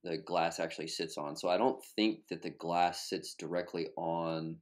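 A man hosting a casual podcast chat, speaking in a measured way and thinking aloud as he compares methods. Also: sits low, little pitch movement. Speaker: podcast host.

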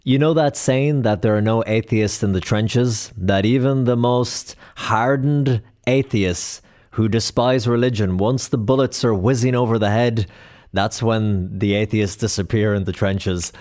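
A man's voice: fairly low pitch, unhurried, darkish tone. A man hosting a casual interview, who answers his guest in an encouraging, chatty way. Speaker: host.

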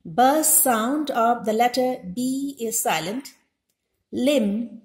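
Slow, high-voiced woman teaching a lesson. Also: a little mellow. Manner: repeats each example word slowly and explains. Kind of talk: slow, deliberate classroom lesson. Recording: echoey room.

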